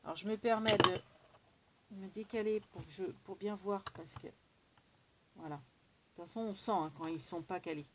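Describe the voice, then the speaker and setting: A craft tutorial host with a French accent demonstrates a craft tool, chatting casually and thinking aloud as she works, with many fillers. Her voice is mid-range at a moderate pace, she pauses often, and there's background noise.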